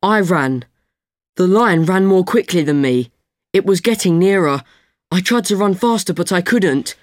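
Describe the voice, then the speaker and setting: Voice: medium pitch, expressive, unhurried, dry recording, studio quality. A speaker plainly reading a short first-person dream story for a listening exercise. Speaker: recorded dialogue reader. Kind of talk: scripted narration of a dream.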